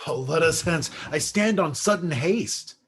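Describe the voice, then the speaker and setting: A man playing a lovesick, quick-witted young nobleman, trading banter in verse. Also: on the high side, expressive, slightly rough, full character voice. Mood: playful. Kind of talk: Shakespeare stage reading.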